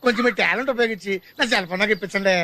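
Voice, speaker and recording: An actor playing an excitable small-town barber who pleads and gossips in a film comedy scene. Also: male voice, high voice, very fast. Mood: pleading. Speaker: comic film character.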